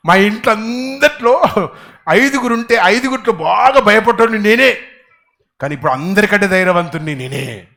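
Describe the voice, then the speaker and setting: Male pastor, high bright voice, animated sermon delivery with loud bursts and questions to the crowd. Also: normal speed. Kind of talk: Telugu church sermon.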